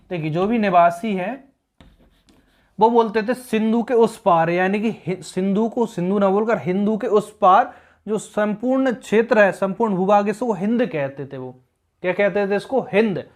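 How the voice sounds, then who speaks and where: Patient man teaching a grammar lesson. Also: sits high. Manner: patient, explanatory, repeats key points. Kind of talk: exam-prep grammar lesson.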